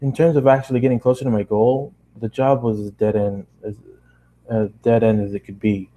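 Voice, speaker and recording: A tired amateur fan-fiction reader, a man with a lowish, mellow voice, reads a story aloud at a fairly quick clip in a level tone. He often stumbles and rereads phrases, clearly running out of steam. The sound is lo-fi.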